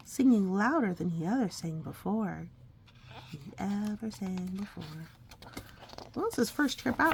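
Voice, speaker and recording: With a medium-pitched voice and some vocal fry, a woman reads a picture book to her little one, asking questions and echoing what the child asks. It's a phone recording with slight background noise.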